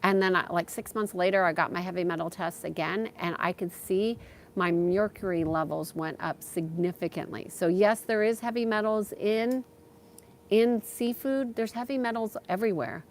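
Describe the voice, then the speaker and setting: On a livestream, a woman acting as a spiritual guide chats casually, thinking aloud haltingly while she fields questions from viewers. Her voice sits in the mid range, with a faint hiss or hum in the background.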